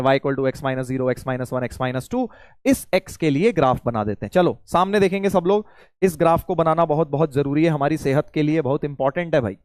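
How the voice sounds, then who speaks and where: A man teaching maths in a live online class. He teases his students in a playful way and slows right down to spell out each step. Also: on the high side, dry recording, studio quality. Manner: playful, teasing, calls students "beta".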